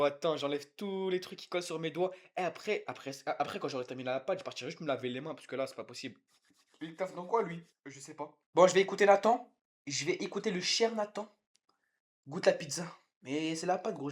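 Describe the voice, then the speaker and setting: Young male streamer, high-pitched, excitable, trash-talks chat while cooking at home. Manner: loud, excitable, swears and teases chat. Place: home kitchen.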